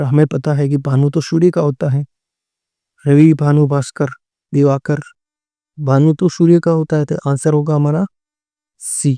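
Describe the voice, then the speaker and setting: A man's voice: fairly high pitch, warm tone, smooth, no room sound, clean studio sound. A man teaching a Hindi exam-prep class, going through multiple-choice answers and often repeating words and answers. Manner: repeats words and answers, often says "theek hai" and "right".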